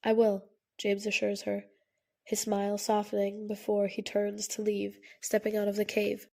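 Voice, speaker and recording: A woman narrating a fan fiction audiobook in a steady, measured reading. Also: mid-range voice, gravelly.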